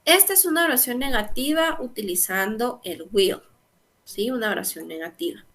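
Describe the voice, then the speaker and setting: Young woman, bright tone, patient teacher, grammar lesson, frequent check-ins. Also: a little high, animated, normal speed. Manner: patient, explains step by step, often checks with "¿sí?". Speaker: English teacher.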